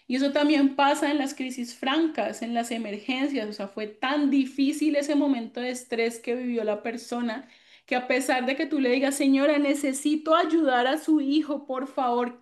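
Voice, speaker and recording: A woman teaches a virtual class in a high, clear voice. She explains step by step, acts out short example lines and turns to students by name to answer their questions. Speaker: psychological first aid instructor. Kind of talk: online class lecture.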